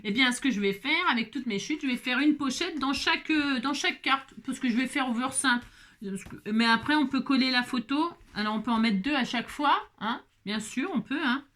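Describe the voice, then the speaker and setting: A woman's voice: high-pitched, brisk, fairly bright tone. A woman chatting casually through a crafting tutorial, exclaiming often and dropping little interjections as she works. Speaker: crafting vlogger.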